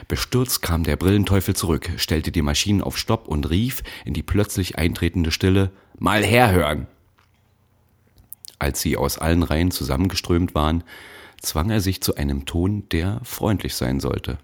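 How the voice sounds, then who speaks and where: Very deep-voiced male storyteller. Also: darkish tone. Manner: measured, dramatic storytelling. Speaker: narrator. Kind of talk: audiobook narration.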